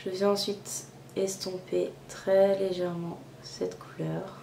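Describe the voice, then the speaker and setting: A woman's voice: fairly low pitch, flat delivery, slow, creaky, mellow, reverberant, slight background noise. A young woman casually narrating a makeup tutorial step by step at home, chatty, with frequent fillers. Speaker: beauty vlogger. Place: room at home.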